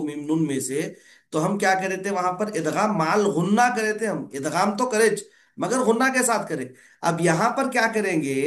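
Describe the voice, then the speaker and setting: Male tutor with a somewhat high voice, gentle corrective teaching manner, repeats rules patiently. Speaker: Quran recitation teacher. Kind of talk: online tutoring lesson.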